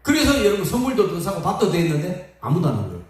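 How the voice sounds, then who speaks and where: A pastor with a high voice races through a sermon, his lively delivery swinging up and down as he tells humorous stories and acts out quotes. He's heard from far off in an echoey church sanctuary.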